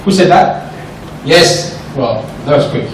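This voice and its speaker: A French-accented man with a voice on the high side speaks slowly during an animated investment seminar in a big echoey room with an audience. He asks the listeners questions and often adds "right?", heard from far off over slight background noise.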